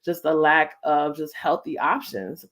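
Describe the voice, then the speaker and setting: A woman with an American accent hosts a family storytime interview, chatting casually and peppering her speech with "like" and "you know." Her voice sits low and is a bit bright, at a measured pace.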